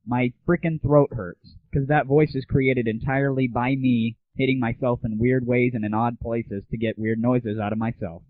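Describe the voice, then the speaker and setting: A man with a medium-pitched voice hosts a solo internet audio show, delivering a crude, sarcastic, irreverent scripted monologue about games and the internet. The recording is muffled, dry lo-fi 1990s internet audio with no echo.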